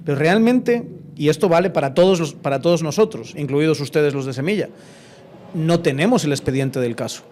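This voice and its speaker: A man hosting a podcast interview, chatty and animated, often checking in with tag questions as he talks. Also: on the high side, a little fast, a little hiss or hum. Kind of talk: conversational interview.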